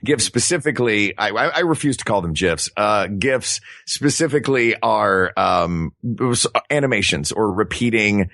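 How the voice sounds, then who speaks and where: Low-ish guy, really animated podcast chat, dry close mic. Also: normal speed, gravelly, hardly any pauses, dry recording. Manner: animated, giggly, enthusiastic. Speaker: podcast co-host. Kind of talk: casual chat. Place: home studio.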